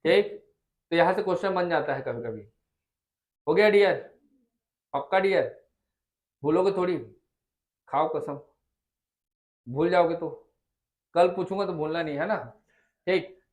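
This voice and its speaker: High-voiced Hindi tutor checking on students. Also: male voice, measured pace, long pauses. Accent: Chhattisgarh Hindi. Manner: coaxing, repeats vowel sounds aloud, checks understanding. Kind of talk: classroom lesson. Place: classroom with students.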